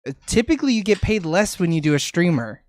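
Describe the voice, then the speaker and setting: A man's voice: high voice, very animated, fast talker, a little mellow, dry recording. Crude, opinionated man in dry sound. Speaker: podcast co-host reviewing movies. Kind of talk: casual movie discussion.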